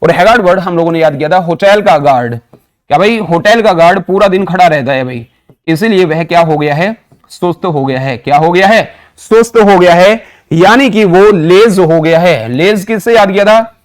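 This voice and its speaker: A man's voice: high voice, expressive, moderate pace. A man with an Indian accent teaching English vocabulary through memory tricks, mixing Hindi and English and answering his own questions. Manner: mixes Hindi with English phrases. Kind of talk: online vocabulary lesson with mnemonics.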